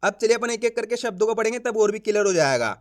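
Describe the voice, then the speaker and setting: A young man teaching reading through a close mic, drilling sounds slowly and asking and answering his own questions. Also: sits high, lively intonation. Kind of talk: step-by-step phonics lesson.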